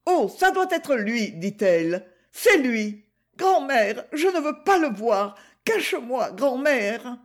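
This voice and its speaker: A woman reads a sad, stubborn, anxious fifteen-year-old girl in a full character voice pitched high above her own. The voice is soft and plaintive, and the speech is lively yet slow and hesitant.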